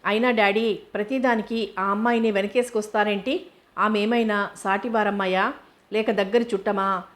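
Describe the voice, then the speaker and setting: Woman narrator doing a brusque young male doctor; keep the delivery flat and even. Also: medium pitch, moderate pace, lightly acted. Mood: brooding. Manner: brusque, brooding inner monologue. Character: young man, hot-tempered doctor.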